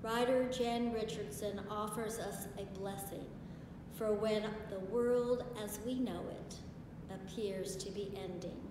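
A woman in her sixties preaching a sermon from a pulpit in a large stone church, in a slow, measured way with solemn pauses. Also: medium pitch, fairly even intonation. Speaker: pastor. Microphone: far camera. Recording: echoey church from far off, hiss.

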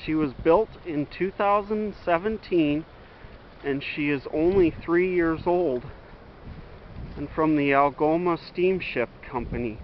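Slow-talking man narrating by a river. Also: a little high, muffled recording, slight background noise. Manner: slow, friendly play-by-play of a passing ship. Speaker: ship-watching vlogger. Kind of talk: casual narration while filming. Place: outdoors on a riverbank.

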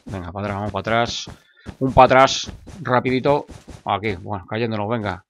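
A man's voice: on the low side, fairly quick, fairly bright tone, muffled recording, slight background noise. A man with a Spain Spanish accent, chatting playfully through casual gameplay commentary and making silly sound effects. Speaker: gaming YouTuber.

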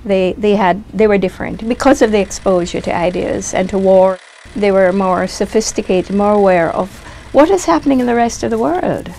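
Gravelly-voiced woman explaining history. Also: mid-range voice, normal speed, a little mellow, slight background noise. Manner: thoughtful, explanatory, with fillers and restarts. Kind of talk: documentary interview.

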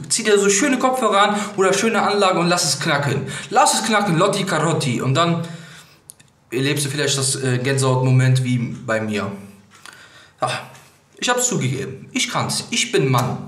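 A young man chatting excitedly to camera about music, animated with sudden high bursts and lots of fillers. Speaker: vlogger reviewing an album box. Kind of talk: casual excited chat to camera. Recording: echoey room.

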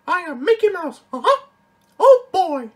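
A gleeful little cartoon mouse. The falsetto is very high and squeaky, and it swoops about brightly with childlike cheer. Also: male voice, sing-song, unhurried, exaggerated voice. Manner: switching impression voices.

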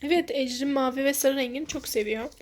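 High-pitched woman hosting a children's activity. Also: quick pace. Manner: encouraging, guides a child with questions. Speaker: host of a children's activity video. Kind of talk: casual child-directed activity commentary.

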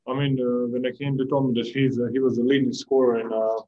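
A young male basketball player answering postgame press questions calmly, searching for words, in a press room. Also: fast, lo-fi sound. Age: young adult. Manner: calm, low-key, searching for words. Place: press room before a sponsor backdrop.

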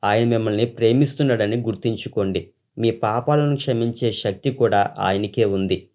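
Low-voiced man reading a solemn sermon. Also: normal speed, a little mellow. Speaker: pastor. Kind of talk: reading a testimony aloud as a sermon.

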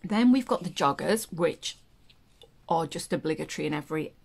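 A woman's voice: sits low, lively intonation, moderate pace, gravelly, a little mellow, slightly rough. A woman sits in a chair at home, chatting casually as she goes through a sewing magazine. Her talk is loose and friendly, full of restarts and playful asides. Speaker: sewing vlogger reviewing a pattern magazine. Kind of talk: casual chat. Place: indoors at home, seated in a chair.

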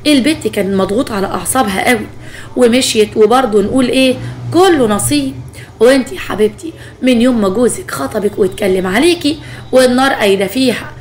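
A woman's voice: a little high, quick pace, a little hiss or hum, close to an everyday voice. A woman voicing a chatty, gossipy young neighbor with an Egyptian Arabic accent, in a spoken story.

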